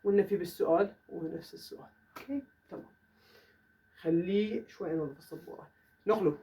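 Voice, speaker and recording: A man with an Iraqi Arabic accent teaching an English grammar lesson in a classroom, saying the English examples slowly and carefully. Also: high voice, warm tone. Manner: says English example sentences slowly and deliberately. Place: classroom with a whiteboard. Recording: voice from far off the mic.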